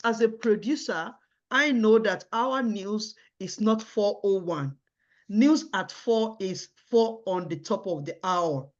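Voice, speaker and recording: A woman giving formal job interview answers in a hesitant way, repeating and restarting her words. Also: medium pitch. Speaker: job candidate in a mock interview. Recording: dull, lo-fi audio.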